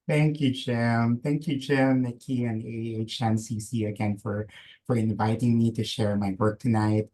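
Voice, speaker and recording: On a video call heard through a computer mic, a Filipino nurse practitioner whose first language is Filipino guides a webinar audience through a calm grounding exercise as a guest speaker. His mid-range voice is mellow and relaxed, slow and measured, with a gentle, invitational delivery.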